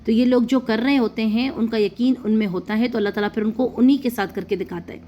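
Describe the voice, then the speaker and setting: A woman teaching Quran recitation rules and translation, who repeats words slowly to model pronunciation. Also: a little high, fairly even intonation, mellow, muffled recording, slight background noise. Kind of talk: explanatory lesson.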